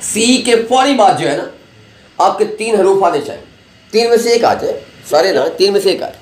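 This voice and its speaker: A man's voice: high-pitched, animated, moderate pace. Chatty man teaching English. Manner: chatty, anecdotal, drills pronunciation. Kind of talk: classroom lecture. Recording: echoey room with faint noise.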